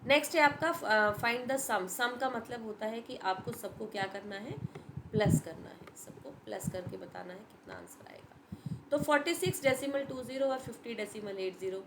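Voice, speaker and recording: Over a noisy background, a woman with a slightly high voice speaking at a moderate pace teaches a revision lesson to young pupils. She is patient and goes step by step, switching between Hindi and English and calling the children "beta."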